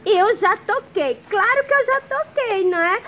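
Uma mulher dando voz a um bonequinho menino alegre, que fala de um jeito brincalhão e infantil. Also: female voice, very high-pitched, animated, unhurried, over music, voice pushed up. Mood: playful. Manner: eager, playful, childlike. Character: cheerful little boy puppet who plays guitar. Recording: noisy background.

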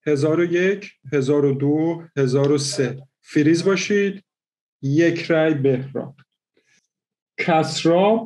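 A man hosting an online party game, counting out votes slowly and methodically. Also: fairly high pitch, darkish tone. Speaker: game host.

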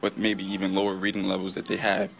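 Fast, gravelly young man. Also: deep voice, monotone, fairly bright tone. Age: young adult. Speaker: literacy counselor. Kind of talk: spontaneous interview answer. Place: indoor school corridor. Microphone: handheld reporter microphone. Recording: faint background noise.

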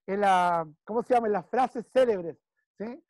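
A man's voice: high-pitched, measured pace, a little mellow, dry recording, clean studio sound. A man with a Chilean accent coaching a client one-on-one, emphatic and repeating key phrases while he checks in. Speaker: business consultant.

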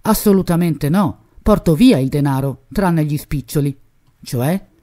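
Brief: a woman playing an evasive club boss, calm and guarded. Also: low-pitched, measured pace. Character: calm, cagey male nightclub owner.

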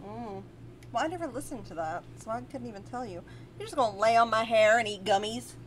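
A woman co-hosting a podcast at home, chatting casually with a friend, loud, teasing and swearing. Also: a little high, expressive, fairly quick. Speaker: podcast co-host. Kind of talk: casual chat. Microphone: shared desk mic at home.

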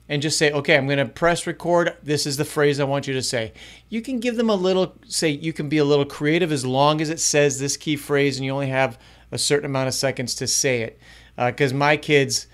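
Fairly quick and fairly high-pitched, this middle-aged youth ministry podcast host sounds a bit bright. He chats upbeat through a casual tutorial vlog, varying his pace, on a close front mic in a small home studio.

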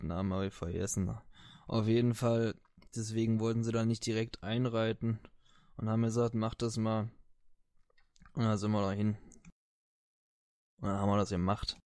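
A brutal, foul-mouthed soldier, played by a man running a tabletop game shrugs off questions with swearing and slang. His voice sits at an ordinary middle pitch. The sound is dry and close. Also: a little mellow, no echo, lightly acted. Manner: vulgar, swearing, slangy and dismissive. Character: crude foul-mouthed male soldier under interrogation. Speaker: game master voicing a character. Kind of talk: tabletop role-play in character.

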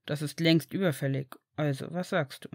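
A woman voicing an earnest, devoted grown man in a storybook reading, speaking low. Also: fairly even intonation, moderate pace, husky, dry recording, clean studio sound.

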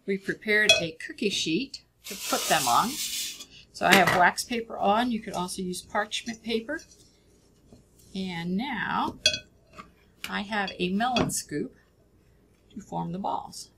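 A woman's voice: medium pitch, takes it slowly, pauses often, noisy background. A middle-aged woman, an extension educator, walks through a cooking demonstration step by step in a kitchen. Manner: plain step-by-step instruction. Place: home-style kitchen.

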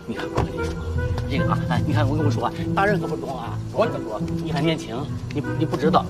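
A man's voice: a little high, lively intonation, very fast, lightly acted. A man playing a grumbling old neighbor. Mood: blustering. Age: older. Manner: scolding, blustering, then placating. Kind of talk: TV drama acting. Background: music.

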